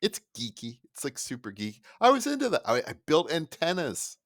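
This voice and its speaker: A middle-aged Midwestern man hosts a solo podcast rant, his voice on the high side, brisk and creaky. He rambles sarcastically and animatedly, frequently interrupting himself and starting again, in studio-quality sound without echo.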